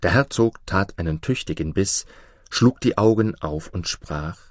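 A male storyteller reading a fairy tale with an expressive, animated melody. His voice is on the low side and he takes his time, recorded dry and close. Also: measured pace, dry recording.

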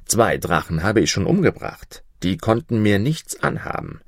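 A brave young prince from a storybook speaks earnestly and resolutely, as a male narrator plays him. His voice is low and very animated. The recording is dry and close. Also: moderate pace, no room sound. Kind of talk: storybook character voice.

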